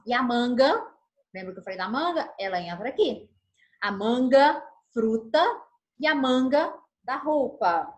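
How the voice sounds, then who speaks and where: A woman teaching a grammar lesson over a video call. She explains patiently, slows down to stress the key words and keeps checking in with her listeners. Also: fairly high pitch. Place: home setup on a video call. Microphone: video call mic.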